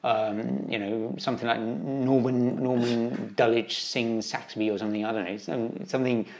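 A man's voice: mid-range voice, steady tone, moderate pace, creaky, darkish tone. A man with a British English accent, an interview guest talking earnestly and wandering off into side points. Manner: earnest, digressive. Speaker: interview guest, travel writer. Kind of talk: conversational interview answers.

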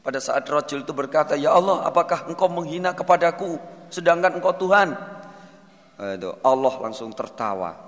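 A man preaching, reading Arabic text phrase by phrase and translating it, retelling scenes in an animated way. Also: on the high side, brisk, big-room sound. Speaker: Islamic preacher. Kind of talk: sermon.

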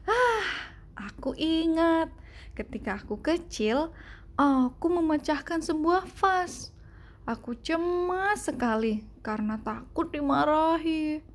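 Woman, children's story read-aloud, high voice, slow and gentle. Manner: slow, gentle, expressive reading. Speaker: storybook reader.

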